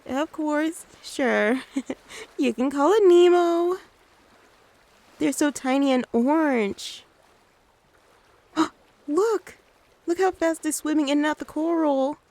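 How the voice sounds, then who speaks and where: A woman playing a gentle, doting mother in a soft-spoken ASMR role-play, soothing and coaxing as she talks to the listener like a small child. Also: sits high, takes it slowly, long pauses. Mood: tender. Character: gentle doting mother taking her little one out. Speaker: ASMR creator.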